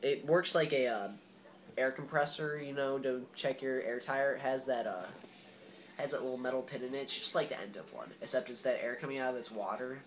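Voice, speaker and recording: A man's voice: mid-range voice, fairly even intonation, brisk, slight background noise. A man giving a casual, rambling gear review as a reviewer, informal and emphatic with plenty of hyperbole. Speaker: gas mask reviewer.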